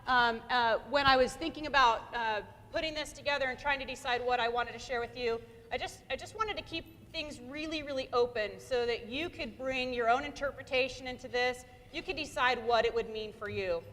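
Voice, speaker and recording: Wearing a lapel mic in an echoey banquet hall, a forty-something woman gives an upbeat motivational luncheon talk as the guest speaker, repeatedly restarting phrases. She speaks in a high, pushed, bright voice.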